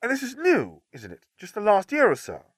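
A man voicing an exasperated, clever teenage witch in a storybook reading, in a high, breathy, sharp voice. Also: huge pitch swings, fairly quick, no room sound, clean studio sound, exaggerated voice. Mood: probing.

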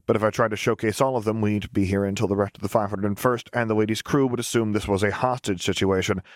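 A man's voice: on the low side, steady tone, fast talker, no echo, studio quality, natural voice. A man voicing a cheerful, boyish young male engineer who talks in an upbeat, earnest way.

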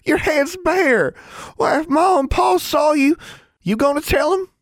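A man voicing a scandalized teenage girl with an Ozark accent, scolding her younger sister in a shrill, sputtering way. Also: animated, measured pace, no room sound, clean studio sound. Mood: appalled scolding.

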